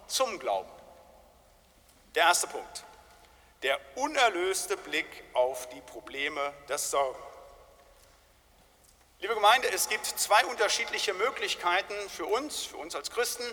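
A man's voice: high-pitched, pushed and bright, long reverb tail. A man preaching a sermon as pastor, emphatic and peppering his points with tag questions. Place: church.

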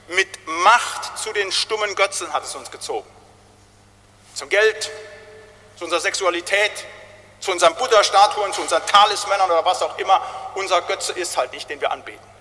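A man's voice: sits high, bright, forceful tone. A pastor preaching a sermon to his congregation, often tagging lines with a questioning aside and building to emphatic calls. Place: large church. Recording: long church reverb.

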